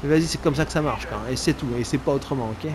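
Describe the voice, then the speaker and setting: Fairly high in pitch and quick-paced, a man gives casual, joking gameplay commentary and chats to his character. Loud game sounds, including sirens and vehicles, play underneath his animated let's play talk.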